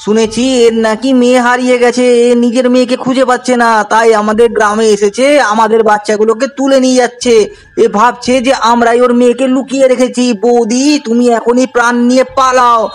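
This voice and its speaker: A man doing an urgent young village man, very high voice. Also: flat delivery, fairly quick. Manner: urgent, warning, insistent. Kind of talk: home doll-play story acting.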